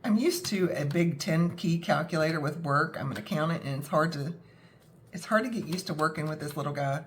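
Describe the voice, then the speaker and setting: Speaking briskly in a deep voice, this budgeting vlogger, a young adult woman, has a throat scratchy from a cold. She chats to camera casually and self-deprecatingly, using lots of fillers.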